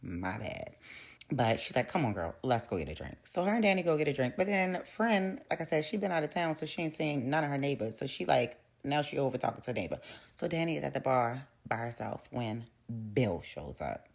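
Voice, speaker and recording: Very low-voiced woman recapping a show. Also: brisk, gravelly. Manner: lively storyteller who acts out the characters' lines. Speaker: TV show reviewer. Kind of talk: casual episode recap.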